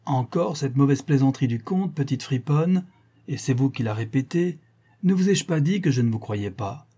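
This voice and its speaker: A man's voice: medium pitch, expressive, moderate pace, warm tone, husky, pitched above the performer's own voice. A man voicing a teasing, flustered noble lady in a storybook reading, coaxing and scolding by turns.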